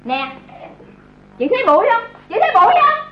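An actress playing a harsh, domineering young woman of the house who scolds a servant in a bossy, shrill way, in an old radio drama. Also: expressive, moderate pace. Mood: scolding. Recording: echoey, dull old radio recording.

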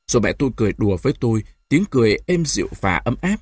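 A male narrator reads a novel aloud with an expressive, lively voice that moves freely up and down. His tone is a little husky and the recording is dry and close. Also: medium pitch, rapid-fire, dry recording. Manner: expressive storytelling. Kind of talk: audiobook reading.

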